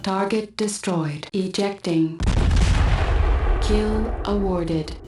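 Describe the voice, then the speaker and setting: A woman's voice: mid-range voice, extremely slow, heavy background noise. A woman voicing the onboard computer of a combat mech, with a robotic computer voice that gives terse, clipped warning announcements. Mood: cold alert. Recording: game audio under loud gunfire and explosions.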